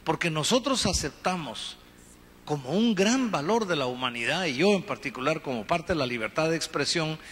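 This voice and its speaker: A middle-aged man from Guatemala giving an earnest, measured talk on a conference panel, speaking into a handheld microphone. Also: a little high, lively intonation, a bit bright. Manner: earnest, measured, gesturing with his free hand. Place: conference hall stage. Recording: reverberant hall, faint room noise.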